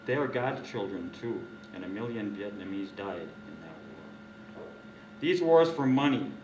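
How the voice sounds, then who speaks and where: An older man reads his poem into a stand mic at an open mic night, earnest and indignant, sometimes halting and restarting. The sound is roomy and heard from a distance, with a dull, muffled tone and faint room noise behind him. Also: mid-range voice. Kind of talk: poetry reading. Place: dark stage of a small venue. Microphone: stand mic, recorded from a distance.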